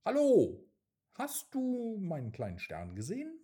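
A man as a gentle murmuring star-keeper. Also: high voice, huge pitch swings, a little slow, voice pushed up, full character voice. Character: kindly, worried old male star-keeper.

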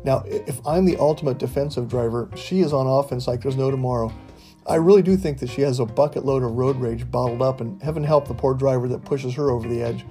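A man's voice: medium pitch, quick pace, mellow. An older man from the US hosting a casual podcast monologue, telling stories in a wry, folksy way over faint guitar music. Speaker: podcast host.

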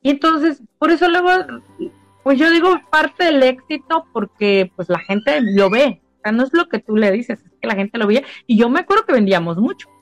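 A woman's voice: high voice, animated, normal speed, dry recording. A middle-aged woman, a spa owner, telling a personal testimonial in an emotional, repetitive storytelling manner. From Mexico. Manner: emotional storytelling, repeats phrases. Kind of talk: casual testimonial interview. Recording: dull lo-fi sound with faint music.

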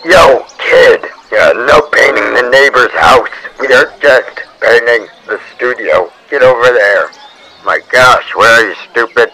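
A brash, impatient guy acted by a man in an amateur comedy drama. He scolds curtly in a creaky, forceful voice. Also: mid-range voice, a little slow, low-quality recording. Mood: scolding. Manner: curt, scolding. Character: brash, impatient young guy barking orders.

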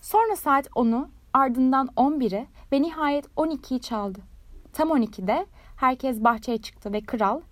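A woman reading a fairy tale aloud in a measured, lively storytelling manner. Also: high voice, no echo.

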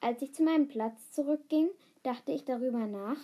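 A woman reading a children's book aloud, unhurried, with small slips and fillers. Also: high voice, mellow, a little hiss or hum. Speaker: reader.

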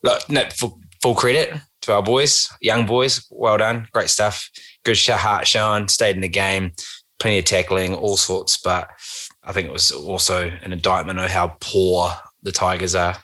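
A man's voice: deep voice, steady tone, moderate pace, bright, forceful tone. A man talking casually about sport as a podcast panelist. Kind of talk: casual sports chat and commentary.

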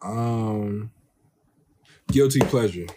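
A man's voice: fairly low pitch, drawn-out words, warm tone. A young adult man talking casually as a co-host, in a laid-back, slangy way. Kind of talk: casual couple chat.

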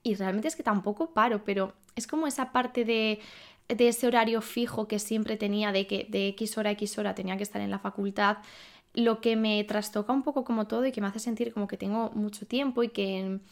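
Chatty young woman thinking out loud. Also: mid-range voice, steady tone, fairly quick. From Spain. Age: 20s. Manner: chatty, thinking aloud with many fillers and self-questions. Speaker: podcast host. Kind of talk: casual monologue.

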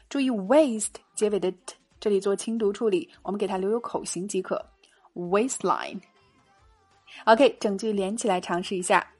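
Slightly husky woman teaching English. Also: medium pitch. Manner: slow careful drilling of English sounds. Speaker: English teacher and podcast host. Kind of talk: bilingual spoken English lesson.

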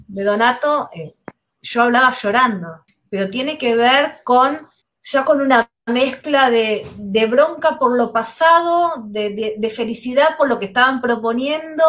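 A fairly high-voiced middle-aged woman talks with a Rioplatense lilt over a video call. She speaks candidly, stopping and restarting her phrases as she goes. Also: a bit bright. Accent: Rioplatense Spanish. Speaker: guest, mother. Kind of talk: casual interview chat.

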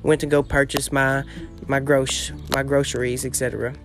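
A man's voice: mid-range voice, flat delivery, moderate pace, over music. A man, telling a story in a dramatic, exclamatory, gossipy way as a podcast host on his porch. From southeast Missouri. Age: late teens. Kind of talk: casual storytelling monologue. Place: outdoor porch.

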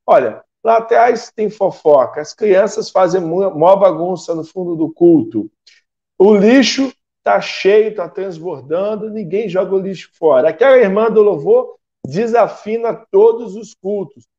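A man's voice: unhurried, dark tone, dull audio. A man voicing a middle-aged church woman who complains about everything. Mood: complaining. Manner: complains in a shrill, rising voice.

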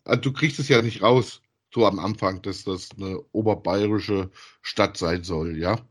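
A podcast co-host with a low voice speaks at a moderate pace, chatting casually and with some amusement while reviewing audio dramas.

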